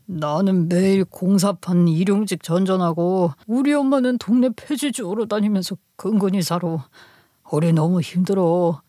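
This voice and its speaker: Woman voicing a whiny middle-aged ex-husband, story radio, begging, mid pitch, dry close sound. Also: darkish tone, dry recording, natural voice. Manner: pleading, wheedling. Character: whining, self-pitying middle-aged ex-husband begging for money.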